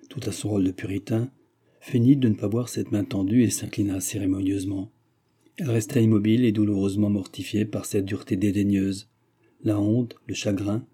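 A man narrating a classic novel as an audiobook in a measured, even manner. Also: on the low side, breathy edge. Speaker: audiobook reader.

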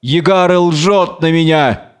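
A man's voice: a little high, slow, smooth, voice pushed up. A man voicing a blind, chained male captive who pleads and cries out in fear. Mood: terrified.

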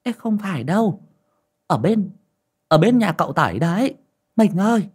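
A nosy older village wife, her voice lifted high, as a male narrator puts her on. She repeats herself haltingly, husky underneath. Storybook audio. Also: very animated, darkish tone, exaggerated voice. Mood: eager.

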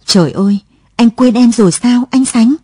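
A woman's voice: medium pitch, expressive, brisk, mellow, husky, no echo, studio quality. A woman voicing a bewildered, tearful young mother searching for her husband, in a read-aloud story. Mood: crying out. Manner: pleading, tearful.

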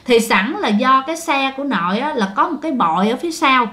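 Southern vietnamese woman telling ghost stories, chatty, slightly high voice. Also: expressive, brisk, bright, forceful tone. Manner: chatty, addresses listeners often. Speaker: storyteller. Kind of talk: casual ghost story telling.

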